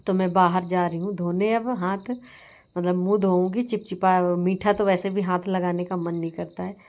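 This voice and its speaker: A woman's voice: on the low side, fairly even intonation, normal speed, darkish tone. A middle-aged woman vlogger chatting casually over her family video, laughing as she tells the story.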